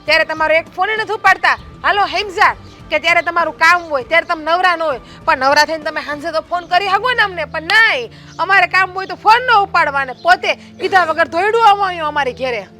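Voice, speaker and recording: A woman playing a strict, sharp-tongued village sister-in-law who scolds bluntly. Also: extremely high pitch, fairly quick, faint music behind. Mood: scolding. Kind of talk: family drama acting.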